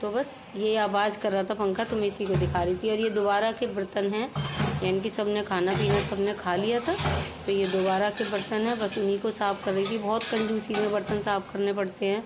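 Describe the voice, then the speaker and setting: A woman's voice: medium pitch, flat delivery, brisk, very noisy. Chatty Hindi-speaking home vlogger woman. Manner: chatty, homely, explains while working. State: slightly sore throat. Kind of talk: casual voice-over narration.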